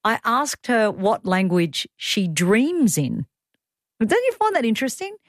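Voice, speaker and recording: This Australian woman in her thirties hosts talk radio in a studio, breezing through the rundown with personal asides. Her fairly high voice is sing-song and a little slow. The studio microphone captures clean audio with no room sound.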